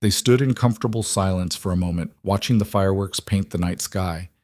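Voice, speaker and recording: Brief: male audiobook narrator, low voice, steady storytelling, dry close sound. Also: fairly quick, dry recording.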